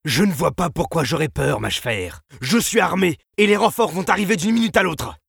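A man voicing a nervous prison director who barks strained, shouted orders. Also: mid-range voice, big pitch swings, normal speed, vocal fry, breathy edge, no echo, clean studio sound, voice pushed up, full character voice. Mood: commanding. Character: nervous middle-aged prison director with a revolver.

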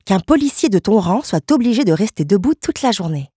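A woman's voice: medium pitch, very animated, a little fast, dark tone, breathy edge, no echo, studio quality, voice pushed up. A woman reading an audiobook and voicing a sweet, doting pregnant young wife who is eager to please. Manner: eager and solicitous.

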